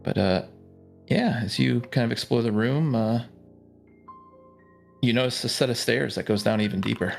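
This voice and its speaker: A man running a tabletop game as game master, explaining rules in a relaxed way with many fillers. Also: medium pitch, normal speed, gravelly, long pauses, soft background music.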